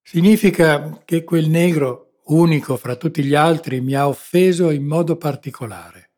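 A man's voice: fairly high pitch, moderate pace, a little mellow, voice pushed up, natural voice. A man reading the part of a nervous, troubled ship captain who speaks with strain and bitterness. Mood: bitter.

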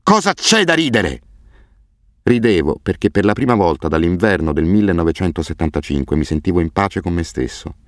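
A man reading a first-person novel aloud as an audiobook narrator, in a grave, measured way. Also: sits low, a little mellow, no room sound, studio quality. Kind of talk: scripted narration.

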